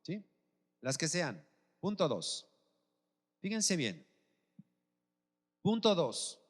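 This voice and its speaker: Pastor preaching in a reverberant hall. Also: male voice, fairly high pitch, big pitch swings, very slow. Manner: keeps asking the congregation if they are with him. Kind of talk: sermon. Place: church.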